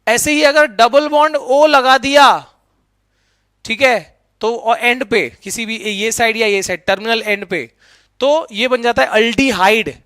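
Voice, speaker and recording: A middle-aged man teaching chemistry in a lively lecture, often checking in with "right?" and mixing English terms into his talk. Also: extremely high pitch, unhurried, dry recording, clean studio sound. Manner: lively, keeps asking students "right?"; mixes English terms into Hindi. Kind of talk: explanatory classroom lecture.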